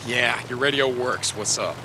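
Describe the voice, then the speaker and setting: An actor playing a terse, guarded male soldier who answers over a two-way radio, in video game dialogue with noisy ambience behind. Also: normal speed. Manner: curt, guarded, low-key. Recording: game audio with loud ambient noise.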